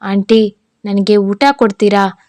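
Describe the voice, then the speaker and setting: A woman's voice: medium pitch, level tone, slow pace, a little mellow, dry recording, natural voice. A woman voicing a troubled teenage girl who speaks bluntly and sullenly in a read-aloud story.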